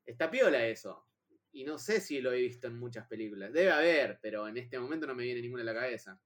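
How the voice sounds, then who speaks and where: Rioplatense man, casual podcast talk, excitable, restarts often. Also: mid-range voice, fast. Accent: Rioplatense Spanish. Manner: excitable, stumbling restarts, heated slang. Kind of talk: casual chat about films.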